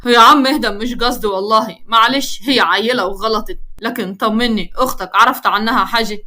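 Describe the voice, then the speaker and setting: A woman's voice: on the high side, a little fast, pushed and bright. A woman voicing an easygoing young male friend, joking and soothing. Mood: teasing.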